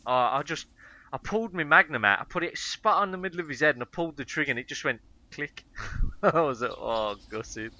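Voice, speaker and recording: Excitable guy telling game stories. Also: fairly high pitch, fast talker, a little hiss or hum. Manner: excitable storyteller, laughs and swears. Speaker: gamer. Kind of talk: casual chat while gaming.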